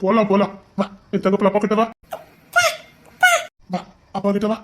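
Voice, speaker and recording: A woman's voice: mid-range voice, flat delivery, very noisy, close to an everyday voice. A woman with a Tirunelveli Tamil accent playing a stubborn, doting male police officer who coos at his baby in a comedy skit. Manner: fast, soft cooing baby talk.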